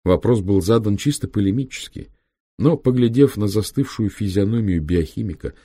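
A man narrating an audiobook in a measured, even storytelling manner. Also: lowish voice, breathy edge, dry recording, studio quality. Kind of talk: scripted narration.

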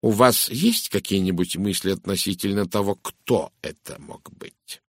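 Quiet, slow, deliberate detective, hushed and lower, as a male reader does him. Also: animated, breathy edge, dry recording, studio quality, heavily acted. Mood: measured. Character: calm soft-spoken foreign male detective.

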